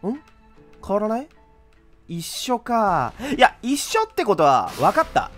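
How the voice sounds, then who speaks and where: Animated man commenting on a game. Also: high voice, unhurried, faint music behind. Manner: animated, rough casual speech, frequent laughs. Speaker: game streamer. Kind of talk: let's-play commentary.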